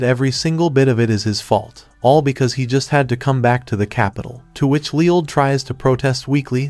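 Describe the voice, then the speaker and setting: A man narrating a manga recap in an even, scripted third-person retelling. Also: mid-range voice, dry recording. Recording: dry voice-over with faint music.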